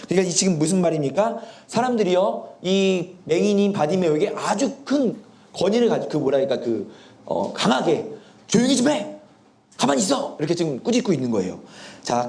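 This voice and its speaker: In a church sanctuary, a male pastor with a high, darkish voice preaches a sermon, explaining and telling the story animatedly despite a sore throat. The sound echoes through the church hall.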